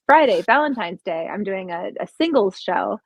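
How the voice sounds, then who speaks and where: A woman's voice: mid-range voice, animated, normal speed, husky, no room sound, low-quality recording. Young woman, podcast guest; casual, searching, dry close sound. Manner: musing, searching for words, many restarts. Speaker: podcast guest, comedian and psychic reader.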